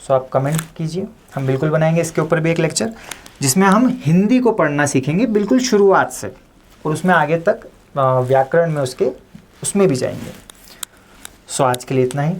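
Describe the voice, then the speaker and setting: Low-voiced woman teaching a language lesson. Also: lively intonation, moderate pace, darkish tone. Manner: mixes Hindi with English phrases; explains plainly, invites viewer comments. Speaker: English teacher.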